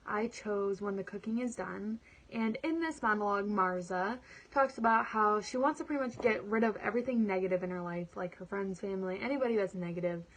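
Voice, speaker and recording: A woman's voice: mid-range voice, fairly quick, poor audio. A woman plainly introducing a practice performance in an everyday speaking voice.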